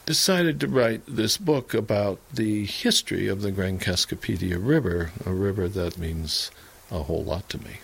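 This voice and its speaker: Older male author, very low gravelly voice, halting and emotional, documentary interview. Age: 60s.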